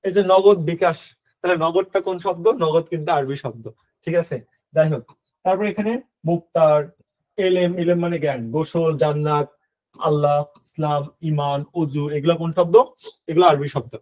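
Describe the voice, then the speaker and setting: A young man teaching an admission-prep lesson, quizzing students in a lively way and mixing in English words. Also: fairly high pitch, moderate pace. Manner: lively, questioning students, switching between tumi and apni, mixing in English words. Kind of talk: recorded online lesson.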